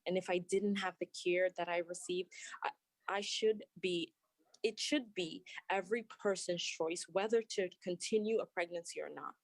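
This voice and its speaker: A young woman doctor, testifying remotely from work, reads earnest prepared testimony at a hearing in a low, steady voice. She stumbles and restarts now and then, and the sound is dry and close with no echo.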